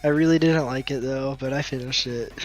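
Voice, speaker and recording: A man's voice: medium pitch, steady tone, brisk, dull audio, soft background music. A man chatting casually over a voice call, teasing and opinionated.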